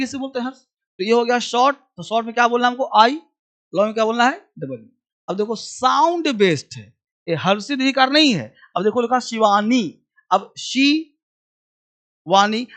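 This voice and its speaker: In a demo lesson on English spelling, a man drills sounds by saying words over and over and rattling off quick questions, affectionately addressing his students as children. His voice is very high and a bit bright.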